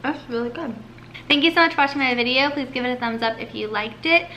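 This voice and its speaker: A woman's voice: high voice, fast, pushed and bright, roomy sound, a little hiss or hum, poor audio. A woman talking casually as she cooks and tastes food in her home kitchen for a cooking vlog, chatty and full of "um" and "like". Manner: chatty, many fillers like "um" and "like". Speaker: cooking vlogger.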